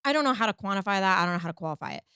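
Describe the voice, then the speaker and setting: A woman's voice: mid-range voice, animated, very fast, sharp tone, clear, resonant tone, no echo, studio quality. A woman from Texas, a singer-songwriter, chatting as a guest on a podcast, talkative and laughing easily as she wanders off on tangents. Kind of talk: casual interview chat.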